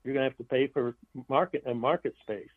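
A man's voice: mid-range voice, quick pace, no room sound. A man talking as an author and interview guest, rambling with restarts and blunt opinions. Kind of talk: casual interview talk. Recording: tinny phone line.

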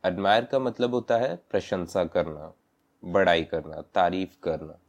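A man teaching English pronunciation, spelling words out letter by letter in a deliberate way. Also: deep voice, fairly even intonation, muffled recording. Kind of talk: recorded language lesson.

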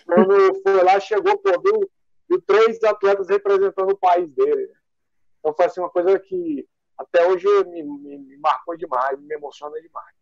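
Animated high-voiced man telling stories. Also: normal speed, no echo, highs cut off. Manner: animated, rambling with many fillers. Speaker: guest athlete. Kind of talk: casual interview storytelling.

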